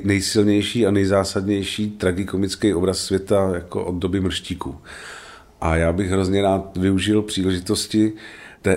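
Very deep, flat-voiced man. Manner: thoughtful, with hesitations. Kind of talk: casual interview answer.

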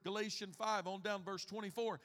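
Fifties pastor preaching, voice sits pretty high, goes quiet then loud, hall reverb trailing off. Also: male voice, steady tone, brisk. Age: 50s. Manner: preaching with big swings in loudness, from hushed to shouting. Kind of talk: sermon. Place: church sanctuary. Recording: long reverb of a church hall.

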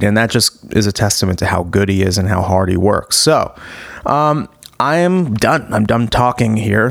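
Gravelly and on the low side, the voice belongs to a man in his thirties hosting a podcast, with no echo in the recording. His casual intro and chat ramble enthusiastically, heavy on fillers and restarts.

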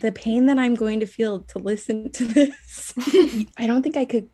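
A woman's voice: on the high side, measured pace, warm tone. A young woman in casual podcast chat, nervous and self-conscious about her voice.

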